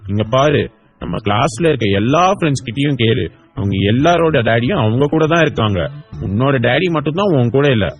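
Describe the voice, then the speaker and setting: A man's voice: medium pitch, lively intonation, brisk, muffled recording, soft background music. A man voicing a boastful little schoolboy who mocks a classmate, for an audiobook. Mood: taunting. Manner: mocking, boastful. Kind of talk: audiobook character voice.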